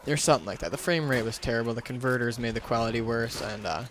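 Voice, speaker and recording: A man's voice: medium pitch, quick pace, fairly bright tone, slight background noise. A man giving a casual, unscripted gaming commentary into a gaming headset, talking in a hesitant, rambling, self-deprecating way. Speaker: gaming YouTuber.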